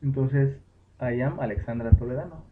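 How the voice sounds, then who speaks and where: A man's voice: medium pitch, normal speed. A man patiently explaining grammar as a teacher, with fillers and self-corrections. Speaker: English teacher. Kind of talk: home-made lesson explaining grammar. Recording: tinny phone-like recording with faint noise.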